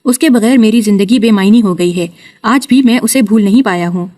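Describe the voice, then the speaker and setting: A grown son, quiet and pained with grief, as a woman narrator voices him. His lines sit at an ordinary middle pitch within a spoken storybook. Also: close to an everyday voice. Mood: grieving. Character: grown son, grieving and bewildered.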